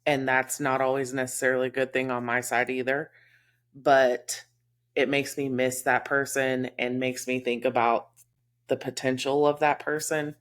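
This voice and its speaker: A woman with a Texas accent and a very low, deep voice talks in an easy podcast chat. She speaks candidly and from the heart, with plenty of "um" and "you know" as she thinks aloud. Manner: candid, heartfelt, lots of fillers. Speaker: podcast co-host. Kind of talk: casual chat.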